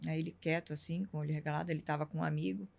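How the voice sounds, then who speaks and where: A woman's voice: sits low, fairly even intonation, racing, creaky, a little mellow. A middle-aged woman, telling a personal story as a talk show guest and acting out the dialogue. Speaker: interview guest.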